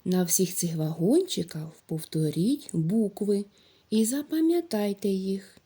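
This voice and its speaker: A woman teacher giving a recorded phonics lesson to young children, speaking slowly and spelling out each sound clearly. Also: mid-range voice, expressive, dark tone. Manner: slow, drawn-out, clearly articulated speech for young children. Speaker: primary school teacher.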